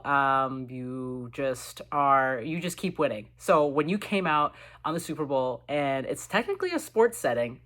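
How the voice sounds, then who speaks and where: A woman chatting excitedly as a vlogger, reviewing a show in casual commentary with lots of fillers. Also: low-pitched.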